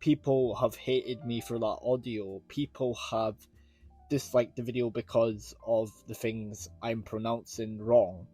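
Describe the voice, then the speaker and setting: A Scottish man with a mid-range, mellow, husky voice speaks at a measured pace in a steady tone, with faint music behind him. He's a YouTuber who reviews children's TV shows, chatting casually to viewers about his own channel in an earnest, rambling way that keeps circling back over points.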